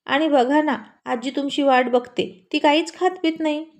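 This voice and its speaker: A woman's voice: sits high, steady tone, normal speed, voice pushed up, natural voice. A woman doing a curious little girl. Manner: sing-song, curious questions.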